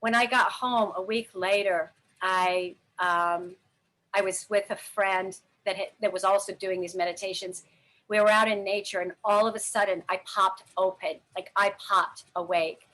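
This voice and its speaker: In a low-quality recording, a middle-aged woman being interviewed recounts her life candidly, speaking in a frank, earnest manner that rambles through fillers and restarts. Her mid-range voice is fairly bright and fairly even in intonation, at a normal speed.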